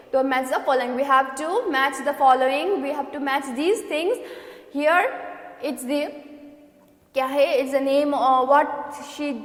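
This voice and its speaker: Slow Indian woman teacher, echoey room. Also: sits high. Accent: Indian English. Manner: slow, spells out words letter by letter, mixes Hindi and English. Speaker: school teacher. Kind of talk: classroom lesson for young children. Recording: echoey room with long reverb.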